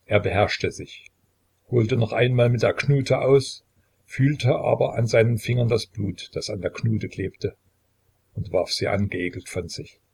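A man reading a historical novel aloud as an audiobook narrator, steady and measured. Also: fairly low pitch, gravelly, husky.

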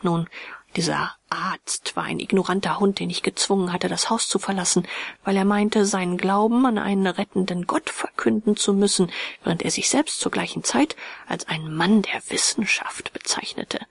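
Husky woman reading in hushed whispers. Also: mid-range voice, no room sound. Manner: often half-whispered, slow and hushed. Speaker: audiobook reader. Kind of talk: scripted narration of a ghost story.

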